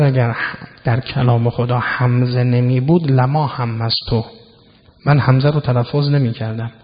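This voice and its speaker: A man giving a sermon to an audience, explaining scripture word by word, swinging from loud emphasis to low asides. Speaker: religious lecturer. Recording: dull lo-fi recording in a reverberant hall.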